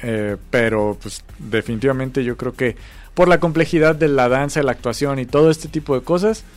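A man's voice: medium pitch, moderate pace, faint music behind. A man, talking in a rambling, hesitant way, full of fillers, as co-host of a casual chat about film awards. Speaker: podcast co-host.

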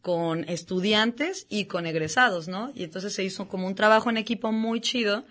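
A woman, a musician guest in a casual interview, relaxed and chatty with slang. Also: medium pitch, normal speed. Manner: relaxed, chatty, uses slang, restarts often.

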